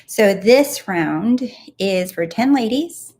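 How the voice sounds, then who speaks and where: A woman's voice: mid-range voice, expressive, slow, darkish tone, slightly rough. A woman hosting a casual live-stream Q&A as a manifestation coach, talking in an upbeat, emphatic way with blunt asides. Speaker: manifestation coach and show host.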